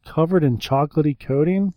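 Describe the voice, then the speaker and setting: A man's voice: on the high side, brisk, dry recording, dull audio. A man co-hosting a casual snack-review podcast, joking and laughing often. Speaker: podcast co-host.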